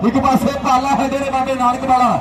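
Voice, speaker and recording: A man's voice: very high-pitched, monotone, quick pace. A man giving frantic rural sports commentary on kabaddi, chanting names and repeated rhyming phrases. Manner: chanting, repetitive rhyming phrases and lists of players. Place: outdoor village sports ground. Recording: echoey outdoor PA, distant, crowd noise.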